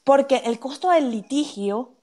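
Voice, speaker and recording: A woman's voice: sits high, lively intonation, measured pace, warm tone. A woman answering listener questions on wills as a legal expert, explaining step by step and checking in with a frequent "ok?". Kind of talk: explaining answers in a live Q&A chat.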